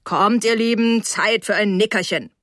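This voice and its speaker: A woman's voice: mid-range voice, moderate pace, a bit bright, no room sound, studio quality, close to an everyday voice. A woman voicing a boozy, jovial middle-aged man who leers and drawls in a storybook reading.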